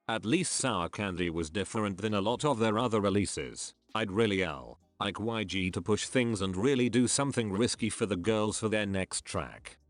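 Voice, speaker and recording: A male text-to-speech robot voice reading online posts aloud. It sits fairly low and swings widely in pitch. The sound is close and dry, with no room around it. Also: no echo. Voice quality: synthetic, machine-generated. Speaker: computer voice reading forum posts.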